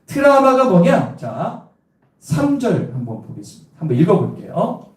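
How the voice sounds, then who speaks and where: A man's voice: sits high, moderate pace. A middle-aged pastor, preaching and telling humorous personal stories while quizzing his congregation. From Cheongju, South Korea. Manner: lively, asks the congregation questions, tells personal stories with humor. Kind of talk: evangelistic sermon. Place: church sanctuary. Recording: echoey church sanctuary from a distance.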